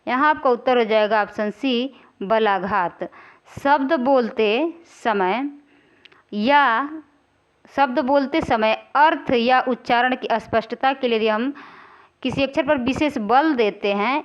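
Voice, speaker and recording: A woman teacher works through exam questions, stretching out key terms and repeating them. She keeps asking rhetorical questions to check that her students follow. Her voice is smooth and rather high, and the audio is slightly dull. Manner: explains slowly, repeating and drawing out key words. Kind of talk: exam-prep grammar lesson.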